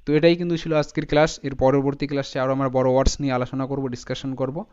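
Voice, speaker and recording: Male teacher, careful syllable-by-syllable delivery, clear resonant tone, muffled lo-fi sound. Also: mid-range voice, fairly even intonation, darkish tone. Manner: slow, deliberate spelling out of letters and syllables. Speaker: English teacher. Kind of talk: spoken lesson breaking words into syllables. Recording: dull lo-fi sound.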